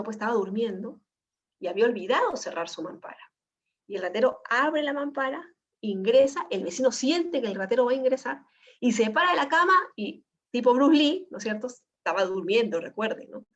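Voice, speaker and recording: A woman teaching an online law class. She explains with lively examples and often adds tag questions. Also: fairly high pitch. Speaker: law lecturer. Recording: dull lo-fi online class audio.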